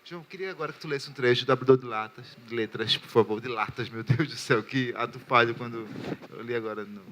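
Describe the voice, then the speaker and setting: Male moderator with a bright, forceful voice, quick speech with self-corrections. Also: mid-range voice, a little hiss or hum. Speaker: panel moderator. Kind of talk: moderating a literary panel. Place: literary festival panel before an audience.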